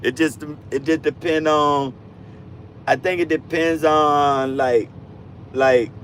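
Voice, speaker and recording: A truck driver in his fifties hosts a casual livestream, answering viewer comments in laid-back, slang-heavy talk and calling them bro and fam. His voice sits a little high with a steady tone and a bit of brightness, and he takes it slowly. There's slight background noise.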